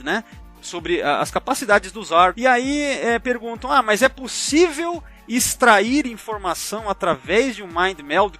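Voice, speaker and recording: A podcast panelist with a Brazilian Portuguese accent rambles chattily in a casual discussion, often adding tag questions. His voice is high and a bit bright.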